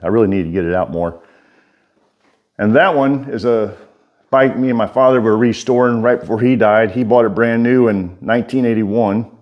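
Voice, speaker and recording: A man's voice: lowish voice, normal speed, highs cut off. A middle-aged American man giving a casual, rambling walk-through tour in folksy, informal speech, talking out of the side of his mouth. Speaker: writer and bladesmith giving a workshop tour.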